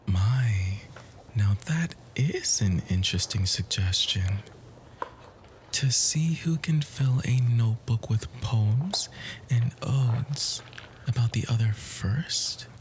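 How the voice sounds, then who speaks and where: Speaking slowly in a natural, mid-range voice, a man takes on the role of a charming, composed book lover in a flirtatious ASMR roleplay, with slight background noise behind him. He uses elaborate, courtly phrasing in a soft, breathy delivery that often drops to whispers. His mood is playful and intrigued.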